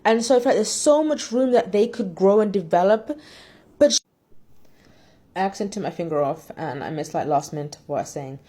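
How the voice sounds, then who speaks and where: A woman's voice: medium pitch, animated, a little fast, dark tone. A woman in casual chat, reviewing a drama in a candid, opinionated and rambling way.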